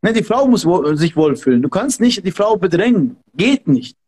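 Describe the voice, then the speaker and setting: In a podcast conversation, a man advises listeners as a martial arts instructor, talking with fervent emphasis and repeating himself. His voice is high and sing-song, with a darkish tone and a breathy edge, at a normal speed.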